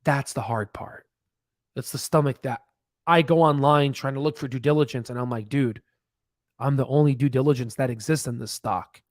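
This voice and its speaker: Speaking at an ordinary pace into a close boom podcast mic, a stock channel host in his thirties livestreams from an indoor home studio, his voice a bit hoarse and free of echo. He gets emphatic and animated, repeats phrases, and now and then drops to whispers.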